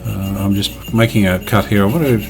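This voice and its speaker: A restoration hobbyist narrates his own video, explaining a hands-on restoration job step by step in a casual, plain-spoken way without hurry. His voice is fairly low, brisk and creaky, and the audio is poor.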